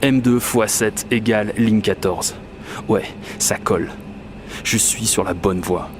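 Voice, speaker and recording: In a measured, lowish, natural voice, the same sort of radio fiction narrator plays an obsessive, whimsical Parisian sharing his magical commuting quest in the first person. He sounds confiding and determined, colloquial and self-mocking, while noisy urban and train sounds run behind him.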